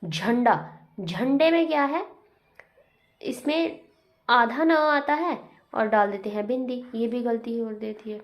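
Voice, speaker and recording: A woman's voice: fairly high pitch, slow, long pauses. A woman teaching a Hindi writing lesson, explaining each point with repeated examples and asides. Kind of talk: classroom lesson.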